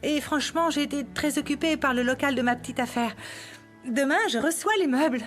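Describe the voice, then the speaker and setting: Actress as a firm, high-voiced estranged wife. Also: female voice, a little fast, soft background music, lightly acted. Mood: polite, brisk. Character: firm, independent mother, estranged wife refusing reconciliation. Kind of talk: dubbed television drama acting.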